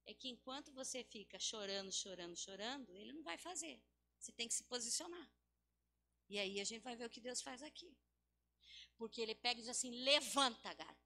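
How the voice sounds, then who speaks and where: High bright-voiced impassioned woman preacher. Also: expressive, a little fast, creaky. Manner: impassioned, swings from loud exhortation to low hushed tones. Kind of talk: sermon. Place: church.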